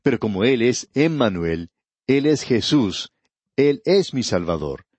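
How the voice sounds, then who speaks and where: A man giving a radio Bible teaching, reading scripture slowly and deliberately and speaking straight to the listener. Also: medium pitch, sing-song, darkish tone, husky, dry recording. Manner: addresses the listener directly.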